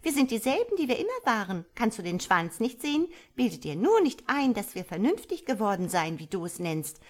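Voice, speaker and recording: A woman voicing a crowd of cheeky young frogs who tease their mother in shrill, high voices. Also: sing-song, fairly quick. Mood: mocking. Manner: shrill, teasing, shouting in chorus. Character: cheeky young frog children, shrill, mocking.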